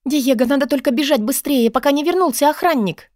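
A woman voicing a young witch girl who speaks in excited, pleading exclamations in an audiobook. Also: sits high, brisk, no echo, studio quality, voice pushed up, close to an everyday voice. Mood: eager pleading. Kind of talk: audiobook character voice.

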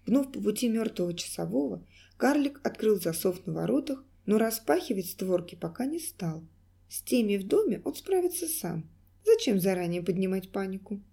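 Mellow-voiced woman narrating an audiobook. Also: medium pitch, creaky, breathy edge. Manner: measured, expressive reading. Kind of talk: scripted narration.

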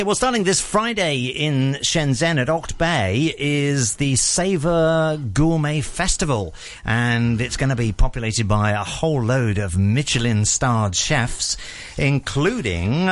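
A man's voice: medium pitch, dry recording. Conversational male morning radio host. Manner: conversational, frequent "uh" fillers.

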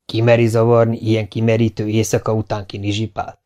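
A man reading a children's novel aloud as an audiobook, in steady storytelling narration. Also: fairly low pitch. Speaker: audiobook reader.

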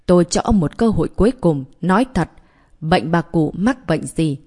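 Fierce young hero, slow and threatening, woman narrator voicing him, storybook. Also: fairly low pitch, animated, dark tone, breathy edge. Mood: menacing. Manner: slow, menacing demands. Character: fierce young man, menacing and demanding.

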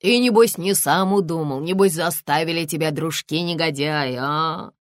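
A woman's voice: deep voice, normal speed, no echo, studio quality, lightly acted. A woman voicing a jovial, sly male police lieutenant colonel who mocks people in folksy banter. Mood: jovial mocking.

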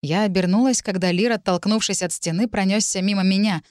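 A woman narrating a first-person audiobook in a measured, emotive way. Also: mid-range voice, steady tone, a little mellow, no room sound, clean studio sound.

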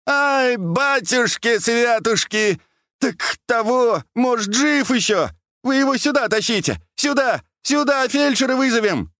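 A man voicing an old male dam watchman, a war veteran who shouts, wails and fusses. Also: sits high, expressive, a little slow, no echo, studio quality, voice pushed up. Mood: panicked. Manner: wailing, shouting, fussing.

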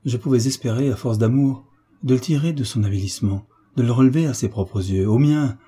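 A man with a husky voice voicing an anguished, proud young woman in an audiobook, speaking in a trembling, pleading way. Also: mid-range voice, a little fast, mellow. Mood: bitter. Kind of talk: audiobook character reading.

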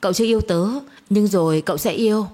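A woman voicing a cold, manipulative young man who speaks calmly and smugly, in a storybook reading. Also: mid-range voice, fast, close to an everyday voice. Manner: calm, smug, flat.

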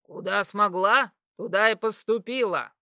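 A woman reading an audiobook, voicing a blunt, gruff middle-aged father who grumbles and scolds. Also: mid-range voice, measured pace, pushed and bright, dry recording, studio quality. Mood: grumbling.

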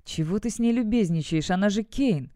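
A woman's voice: mid-range voice, expressive, brisk, warm tone, no echo, clean studio sound, close to an everyday voice. A woman reading the lines of a hot-tempered young male guard who talks bluntly and scornfully. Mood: scornful, heated. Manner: blunt, sneering remarks.

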